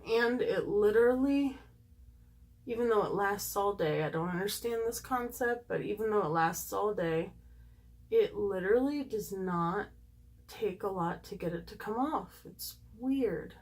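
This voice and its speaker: A woman with a slightly squeaky voice giving a casual, chatty makeup tutorial, gushing and emphatic as she thinks aloud to her viewers. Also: a little slow.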